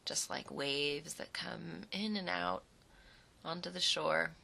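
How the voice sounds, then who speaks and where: A woman leads a guided imagery meditation in a low, noticeably creaky voice that is also pushed and bright. She goes slowly, leaving pauses between short, soothing phrases.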